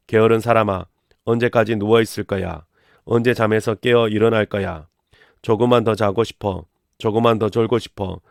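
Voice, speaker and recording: A man reading Bible passages aloud in a steady, measured recitation on a close mic. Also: on the low side, clear, resonant tone, no echo. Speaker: scripture reader.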